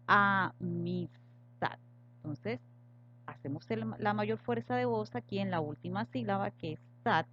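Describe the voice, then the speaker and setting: A woman teacher talks students through a grammar lesson in an even, patient voice. She slows down and leans on each example word. The recording is a little muffled, with a faint hum underneath. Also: medium pitch. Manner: patient, stresses example words slowly. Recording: slightly dull lo-fi audio with faint hum.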